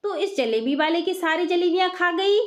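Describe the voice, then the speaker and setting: Scolding older mother-in-law for a told story, high and sharp-tongued, voiced by a woman storyteller. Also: animated, normal speed. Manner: scolding, exasperated.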